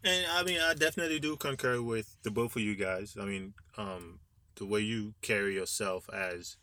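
A man's voice: lowish voice, moderate pace, bright, forceful tone. A man co-hosting a casual panel discussion, talking discursively and often checking in with rhetorical questions. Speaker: podcast co-host.

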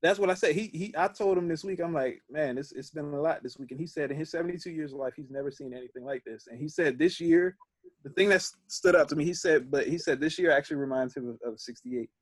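A man's voice: a little high, no room sound. Rambling man on a podcast, dry sound. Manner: rambling, halting, with light laughs. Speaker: podcast co-host. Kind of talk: casual podcast chat.

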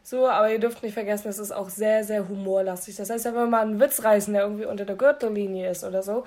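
A woman's voice: medium pitch, fairly even intonation, fast talker, a little mellow. A young woman, co-hosting a casual podcast chat, joking and rambling with frequent giggles. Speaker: podcast co-host.

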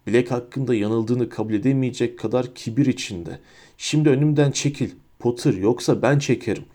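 A man voicing a cold, menacing adult male wizard teacher in an audiobook, speaking low with a silky, hissing menace. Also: moderate pace, mellow, close to an everyday voice. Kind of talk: audiobook character voice.

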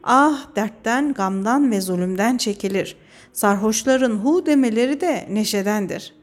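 A woman presenting a religious lesson on a classic poem, explaining in a measured, earnest way from a script. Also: on the high side, expressive.

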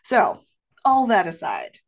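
A woman's voice: mid-range voice, wildly swooping pitch, slow. A woman co-hosting a podcast in casual chat, blunt and emphatic with free swearing, with a slightly echoey sound from recording in an office. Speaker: podcast co-host. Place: home office standing in for a recording studio. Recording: slightly echoey untreated room.

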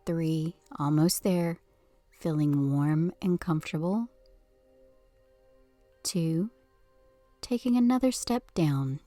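A woman leading a guided hypnosis session with a slow, soothing countdown delivery, soft and breathy at phrase ends. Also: sits low, dry recording, soft background music. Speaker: hypnosis podcast host.

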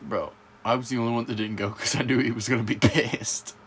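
A man's voice: mid-range voice, fairly even intonation, a little fast, fairly bright tone, a little hiss or hum. A teenage boy chatting casually, telling stories full of swearing, laughter and quoted teachers. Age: teens. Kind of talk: casual chat.

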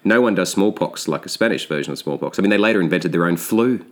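A man's voice: low-pitched, expressive, fast talker. An Australian man hosting a casual history podcast, joking and rambling with frequent restarts. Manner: jokey, rambling, self-correcting. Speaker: podcast host.

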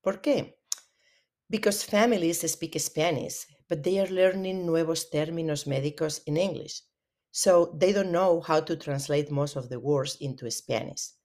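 A medical Spanish teacher explaining hospital vocabulary in a lively way, switching between Spanish and English and asking the listener questions. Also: mid-range voice, slow. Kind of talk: educational explainer. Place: works in a hospital.

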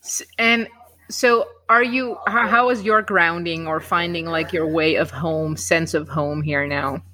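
A woman's voice: low voice, fairly even intonation, unhurried, sharp tone. A woman hosting a podcast in casual, informal and blunt English. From Czech Republic. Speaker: podcast host.

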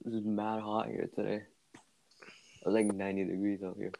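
A man in casual chat with a friend, telling stories in a relaxed way and laughing often. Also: on the low side, a little fast, vocal fry, dry recording.

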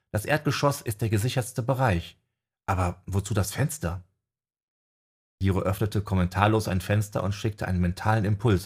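A man narrating a fantasy audiobook in a calm, measured reading style. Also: fairly low pitch, husky.

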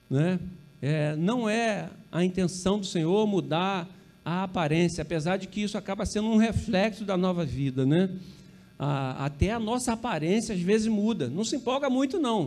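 A man's voice: high-pitched, mellow. A Brazilian man preaching a sermon as pastor, chatty and conversational, often checking in with the congregation and joking about his own slips. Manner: conversational, peppered with tag questions to the congregation; self-correcting, joking asides.

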